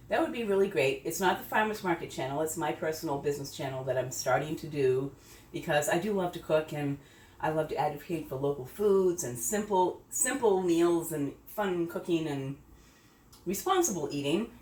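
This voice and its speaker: Low voiced middle aged woman rambling thru a kitchen cooking demo, sounds kinda far from the mic, echoey room. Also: darkish tone, a little hiss or hum. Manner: chatty, rambling, self-correcting, tasting food as she talks. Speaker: home cooking channel host. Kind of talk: casual cooking demo chat. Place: home kitchen.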